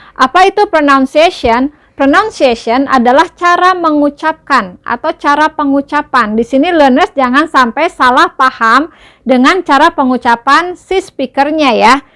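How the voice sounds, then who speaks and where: With a high and fairly bright voice, a young female teacher walks through an English lesson. She stays patient throughout and keeps making sure her audience follows, frequently tacking on tag questions.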